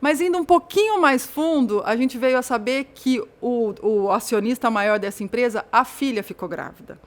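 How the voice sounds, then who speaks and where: A woman with a slightly raised voice, talking on a podcast. She tells a story from work with animation. She keeps the tone relaxed. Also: fairly high pitch, normal speed. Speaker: guest, business consultant. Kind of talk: casual podcast conversation.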